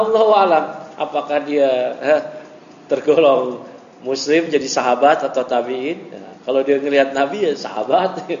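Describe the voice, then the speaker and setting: A male religious teacher giving a study lecture, reading Arabic text and explaining it in casual speech, acting out quoted dialogue. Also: mid-range voice. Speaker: ustadz teaching a classical text. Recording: echoey hall, dull lo-fi audio, faint hiss.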